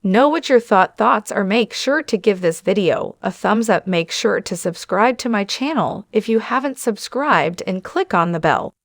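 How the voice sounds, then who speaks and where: A woman's voice: mid-range voice, lively intonation, normal speed, few pauses, no echo, clean studio sound. A woman hosting a channel, giving casual, opinionated commentary straight to her viewers with plenty of fillers. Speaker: channel host.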